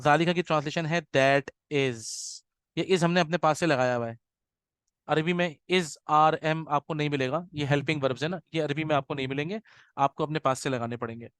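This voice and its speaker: Patient male language teacher, crisp voice. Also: a little high, a bit bright, dry recording. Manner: patient, repeats words slowly and checks in often. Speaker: Arabic teacher. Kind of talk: classroom grammar lesson.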